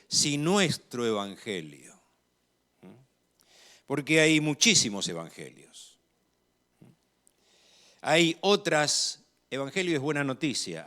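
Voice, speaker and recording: The sermon comes from a man with an Argentine accent and a medium-pitched voice. His preaching is measured and emphatic, swelling in volume at key phrases.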